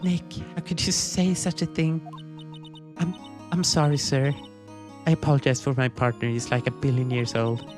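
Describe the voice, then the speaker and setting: A woman playing an eager, excitable young assistant. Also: a bass voice, moderate pace. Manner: eager, stammering. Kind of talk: fan dub of a video game. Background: music.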